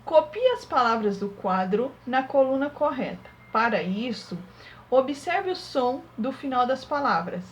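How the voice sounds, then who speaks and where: A woman teaching a young class remotely, working through exercises step by step and sounding out syllables slowly. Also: high-pitched, expressive, a little hiss or hum, poor audio. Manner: slow, syllable-by-syllable dictation. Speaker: primary school teacher.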